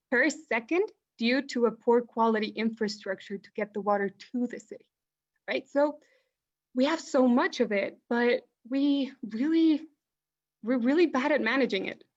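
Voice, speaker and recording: A young woman from Mexico closing a talk as a guest speaker, earnest and urgent. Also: on the high side. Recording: dull lo-fi call audio.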